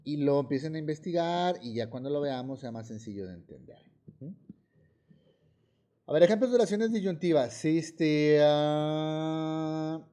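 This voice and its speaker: A Mexican-accented man teaching a classroom grammar lesson, speaking a little high yet with a warm, mellow tone. He explains with examples and keeps checking that students follow. His delivery is steady and methodical. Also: unhurried, pauses often. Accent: Mexican Spanish.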